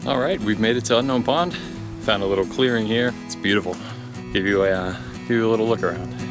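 A man's voice: lowish voice, fast talker, over music. A man in his thirties vlogging a hike outdoors on a forest trail, talking casually into a handheld action camera with a chatty, thinking-aloud manner. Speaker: hiker vlogger. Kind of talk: casual trail vlog narration. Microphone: action camera on a handheld pole.

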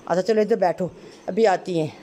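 A woman's voice: on the low side, fairly quick. Woman vlogging at home over background noise. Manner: coaxing and soothing a crying child. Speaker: family vlogger. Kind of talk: casual home vlog narration. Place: family home indoors. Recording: noisy home phone recording.

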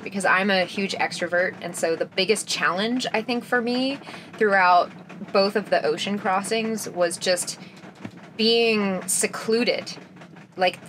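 A woman's voice: mid-range voice, slight background noise. Young woman chatting in a boat cabin. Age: young adult. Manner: lively, laughs often, talks with her hands. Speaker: sailor guest. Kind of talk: casual interview. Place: small wood-paneled boat cabin.

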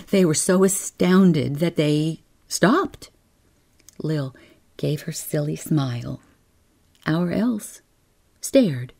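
A woman narrating a bedtime story in a soft, hushed, half-whispered reading. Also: low-pitched, vocal fry, slightly rough.

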